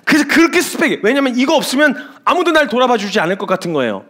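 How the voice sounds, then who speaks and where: A male missionary preaching a sermon in a very high voice that leaps around expressively. He drives his points home with emphasis and tells stories with lively asides. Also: very fast.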